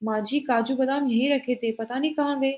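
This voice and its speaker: A woman voicing a patient, forgiving young daughter-in-law who speaks softly and meekly. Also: sits high, steady tone, brisk, highs cut off, close to an everyday voice.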